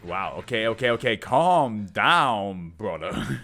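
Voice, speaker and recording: A man's voice: lowish voice, sing-song, slow pace, bright, forceful tone. Joking man reacting, voice swinging widely. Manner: joking, foul-mouthed, riffing in mock voices. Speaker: reaction video host. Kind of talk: casual reaction commentary on an animated show.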